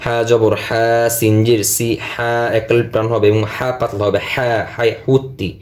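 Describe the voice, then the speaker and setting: A man's voice: mid-range voice, little pitch movement, normal speed, a little mellow. A man teaching Quran recitation word by word, patiently spelling out letters and vowel marks, then chanting each verse.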